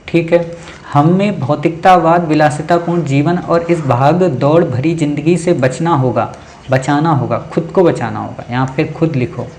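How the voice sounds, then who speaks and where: A man's voice: a little high, darkish tone. A male teacher reads a student's essay aloud in a lesson, stopping often to correct words and checking in with short "okay?" tags. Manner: tag questions like "okay?".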